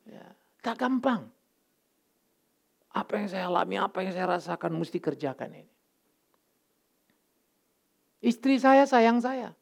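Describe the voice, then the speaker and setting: A man's voice: sits high, lively intonation, unhurried, vocal fry, pauses often. A middle-aged male pastor giving a candid, emotional sermon, mixing English words into his talk.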